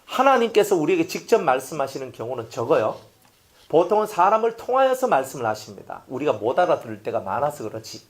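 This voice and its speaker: A man's voice: on the high side, very animated, quick pace. A man preaching a sermon, talking conversationally and often asking the congregation rhetorical questions. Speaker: pastor. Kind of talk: expository sermon.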